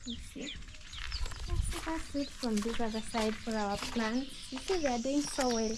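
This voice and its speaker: A woman's voice: fairly high pitch, a little slow. A woman chatting casually as she walks through her garden, musing aloud and admiring the plants, recorded outdoors on a phone. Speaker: vlogger. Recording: outdoor noise, birdsong.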